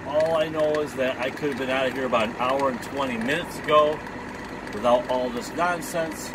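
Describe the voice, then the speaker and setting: A man's voice: mid-range voice, normal speed. A man in his forties, a truck driver vlogging from his cab on a headset mic, talking casually with wry sing-song asides and some grumbling. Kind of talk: casual vlog narration. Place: inside a truck cab while driving. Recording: road noise in a truck cab. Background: engine and road noise.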